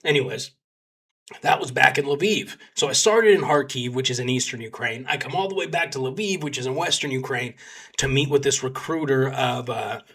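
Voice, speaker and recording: Hailing from Texas in the United States, this young man served as a volunteer combat medic and describes it in a rambling, filler-laden, casual style, becoming animated when quoting people. His voice is medium in pitch, slightly rough, at a normal speed.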